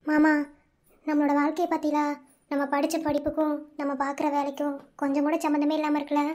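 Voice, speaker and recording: A woman's voice: high voice, monotone, quick pace, darkish tone, slight background noise, natural voice. A woman voicing a young village wife in a cartoon, with a Madurai Tamil accent, emotional one moment and teasing the next. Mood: earnest. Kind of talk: cartoon voice acting.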